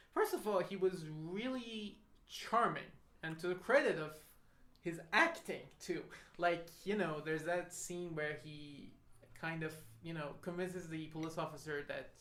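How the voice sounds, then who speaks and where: A co-host of a film podcast, chatting about movies in a relaxed, conversational way. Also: mid-range voice, unhurried. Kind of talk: casual film chat. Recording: echoey room with faint noise.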